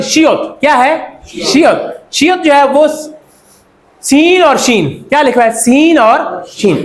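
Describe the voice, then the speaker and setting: Man, Pakistani accent, high-pitched voice, classroom lecture, asks questions and repeats the answers. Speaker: Korean language teacher.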